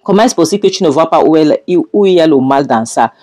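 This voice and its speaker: A woman's voice: low voice, expressive, fast talker, mellow, faint music behind. A woman voicing an indignant friend who scolds and presses with many questions. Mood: outraged. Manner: scolding, insistent.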